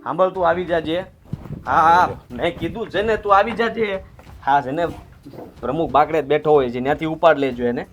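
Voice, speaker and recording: A man's voice: a little high, brisk, soft background music, natural voice. An actor playing a hot-headed young businessman who talks in a curt, defiant, dismissive way. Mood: scheming. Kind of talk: film drama acting.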